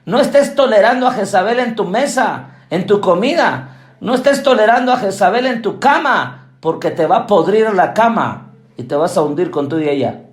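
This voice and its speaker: A man preaching a sermon as an apostle, forceful and emphatic. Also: high-pitched, expressive, normal speed, roomy sound, soft background music.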